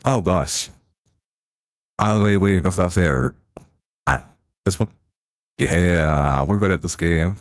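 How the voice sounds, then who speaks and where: A man streaming a game through a deep pitch-shifting voice changer, chatting casually and reacting aloud to what happens on screen. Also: slow pace, pauses often, no room sound, clean studio sound. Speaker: live streamer. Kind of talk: casual gameplay commentary.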